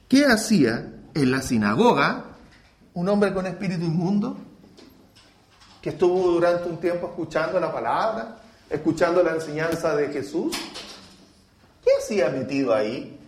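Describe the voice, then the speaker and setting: A man preaching a sermon in a church, slow and dramatic, full of rhetorical questions. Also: high-pitched. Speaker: pastor. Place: church hall. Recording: roomy church echo.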